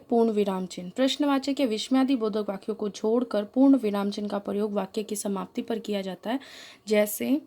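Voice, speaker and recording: Mellow-voiced woman teaching a grammar lesson. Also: on the high side. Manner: clear, deliberate explaining with examples, corrects own slips. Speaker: school Hindi teacher.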